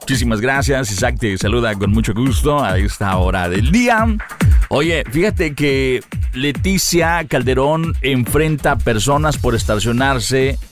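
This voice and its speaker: A man with a Mexican Spanish accent hosting a lively local morning radio show, playful and slangy, drawing out words to hype up listeners. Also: medium pitch, a little slow, music in the background. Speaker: radio host.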